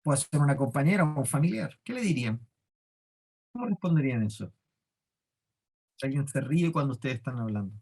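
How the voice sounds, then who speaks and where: A man's voice: mid-range voice, expressive, a little fast, long pauses, warm tone, breathy edge. A man with a Chilean accent teaches a leadership class. He explains step by step and keeps putting questions to the class. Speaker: workshop teacher.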